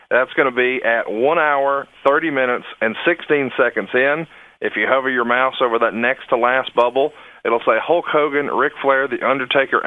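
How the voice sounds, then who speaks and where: A man's voice: medium pitch, no echo, phone-quality sound. A man co-hosting a podcast, explaining things conversationally and prompting his partner with questions. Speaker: podcast co-host.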